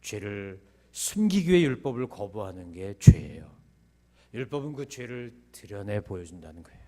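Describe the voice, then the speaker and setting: Korean pastor preaching with loud bursts. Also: male voice, on the low side, normal speed. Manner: animated preaching with rhetorical questions and sudden loud bursts. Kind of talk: sermon.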